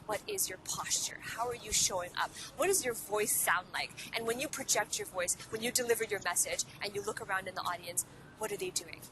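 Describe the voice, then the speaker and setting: A medium-pitched woman speaks briskly over background noise and music. Originally from Hong Kong with Cantonese as her first language, she gives an earnest motivational video lesson on public speaking. She poses many rhetorical questions to the viewer.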